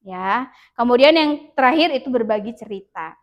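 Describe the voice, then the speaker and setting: A woman school counselor with an Indonesian accent giving a classroom lesson, patiently leading students through slow breathing and acting out what children might say. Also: on the high side, expressive, muffled recording.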